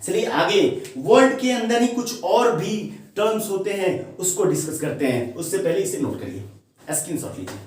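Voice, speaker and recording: Here an English teacher runs a grammar lesson in Hindi as if in class, dropping in grammar terms, firing off questions to the viewer that he answers himself, and repeating important words. His voice sits high, expressive and slightly mellow, at a normal speed. It is recorded far from the mic in a very reverberant room.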